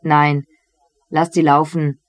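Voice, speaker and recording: A reader voicing a greedy, gloating medieval nobleman in a slow literary reading. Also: medium pitch, level tone, no echo, lightly acted.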